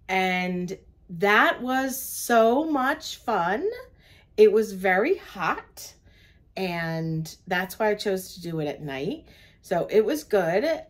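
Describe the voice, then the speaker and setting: Older lady with a low voice telling her cruise day, chatty, sitting in a cabin. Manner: chatty, recounts the day step by step. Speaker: travel vlogger. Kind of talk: casual chat. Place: cruise ship cabin, seated on a sofa.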